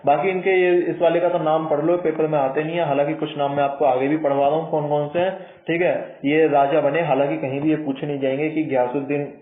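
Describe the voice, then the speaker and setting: A man's voice: on the high side, little pitch movement, a little fast. A man giving a casual history lecture for exam prep, chatty and repetitive, often checking in with his listeners. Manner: chatty, repeats points and says "ठीक है" often. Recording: tinny, echoey room sound.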